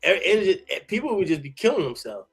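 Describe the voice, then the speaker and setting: A man streaming a reaction to a clip, talking in an excited, slangy way and tagging lines with "man". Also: high voice, quick pace, husky, faint music behind. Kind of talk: casual live reaction commentary.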